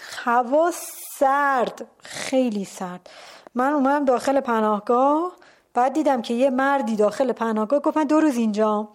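Animated woman telling a story, sometimes whispering. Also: a little high. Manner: animated, drops to a hushed whisper at tense moments; trailing off and restarting mid-word. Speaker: storyteller recounting a climb. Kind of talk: casual spoken storytelling.

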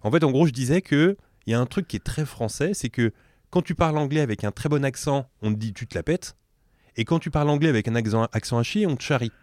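A man hosts a relaxed podcast chat, spinning anecdotes and breaking into laughs often. His voice sits in a middle pitch. The recording is close and dry. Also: fast, no room sound. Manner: chatty storyteller, laughs often. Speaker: podcast host. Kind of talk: casual chat.

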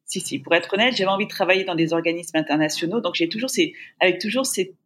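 A woman who grew up in francophone Africa, talking warmly and reflectively as a guest in a remote interview. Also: lowish voice, quick pace. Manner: warm, reflective, thinks aloud. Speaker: podcast guest, TV presenter.

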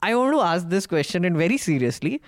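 Indian-accented panellist, middle pitch, informal and conversational, frequently seeking agreement. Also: sing-song, fast talker. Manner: informal, often checks with "right?". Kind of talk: conversational political panel discussion.

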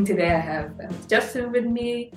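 With faint music behind her, a woman with a Dutch Caribbean island accent hosts a casual podcast, thoughtful and chatty with lots of fillers. Her voice is fairly high and darkish in tone, at a moderate pace.

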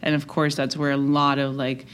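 A woman's voice: very deep voice, level tone, moderate pace, smooth. A woman from Miami, a podcast guest chatting casually and laughing easily. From Miami, United States. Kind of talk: casual interview chat.

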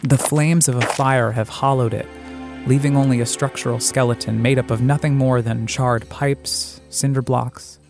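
An American man reads a scripted, first-person audio essay, his delivery reflective and unhurried. His medium-pitched voice stays steady, with some vocal fry. Music plays underneath.

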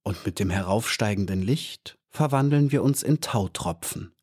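A man reading an audiobook and voicing a wise male flower elf who speaks calmly and earnestly. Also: lowish voice, normal speed, slightly rough. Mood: serene. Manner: calm and earnest.

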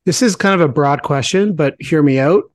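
A man hosting a podcast, asking relaxed, conversational questions. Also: fairly high pitch, moderate pace, no room sound, clean studio sound. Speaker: podcast host. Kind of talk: casual podcast interview.

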